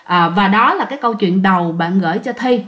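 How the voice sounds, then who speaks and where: A woman's voice: mid-range voice, brisk, fairly bright tone. A woman with a Southern Vietnamese accent telling a ghost story in a chatty, casual way, often addressing her listeners.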